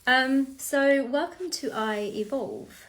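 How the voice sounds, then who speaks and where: A woman from Romania in her forties talks through her first live stream. She goes at an unhurried, careful pace, pausing often with fillers as she finds her words. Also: sits high, a bit bright. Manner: slow, hesitant, with many fillers. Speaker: host.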